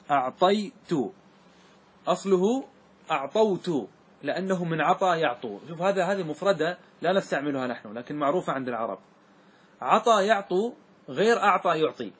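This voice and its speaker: Male teacher, slightly high and husky, leads a classroom grammar lesson with questions. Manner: asks students questions and repeats answers.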